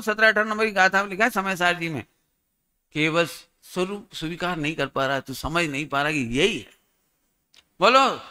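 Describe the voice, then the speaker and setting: Bright, high-voiced male preacher. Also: smooth. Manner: teacherly, quizzing listeners. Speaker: Jain pandit, preacher. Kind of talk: sermon.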